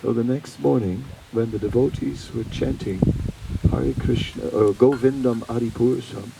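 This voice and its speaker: A man telling his life story to an audience as an animated storyteller who often laughs and pauses with fillers. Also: medium pitch, gravelly. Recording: noisy live talk recording.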